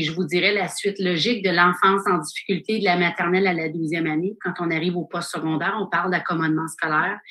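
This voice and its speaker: A middle-aged woman from Northern Ontario, a director of education, introducing herself on a video call in a measured, formal way with frequent fillers. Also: mid-range voice, a bit bright, low-quality recording.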